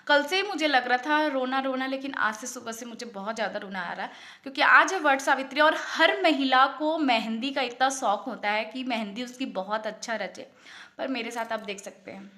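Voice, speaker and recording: Bright-voiced woman vlogger, upset. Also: fairly high pitch. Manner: chatty, mixing English words into Hindi. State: upset and near tears. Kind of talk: casual vlog talk to camera.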